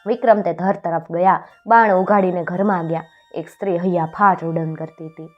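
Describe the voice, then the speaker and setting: A woman with a lowish voice narrates an old folk tale at an even storytelling pace. Her delivery is steady and clear, and faint music plays beneath her. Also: normal speed, muffled recording. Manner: steady, clear storytelling with lifted voice for quoted speech.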